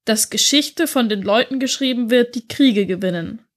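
A woman's voice: a little high, moderate pace, natural voice. A woman voicing a tearful, earnest teenage schoolgirl who speaks in a pleading way.

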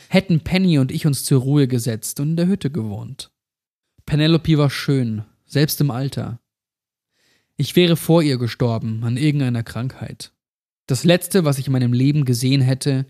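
A man narrating a first-person horror story in a measured, somber way. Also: mid-range voice, darkish tone.

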